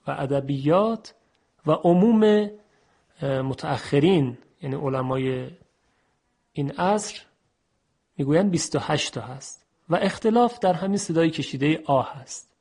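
A man teaching a radio lesson on Quran recitation, explaining in a measured, formal way and reciting Arabic phrases. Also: fairly high pitch, lively intonation, darkish tone.

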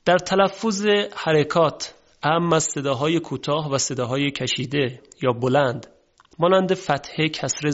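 Man teaching quran reading, first language persian, kinda high voice, muffled lo-fi sound. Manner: measured, demonstrates Arabic sounds and chanted verses. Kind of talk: spoken lesson on Quranic pronunciation. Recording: dull lo-fi recording.

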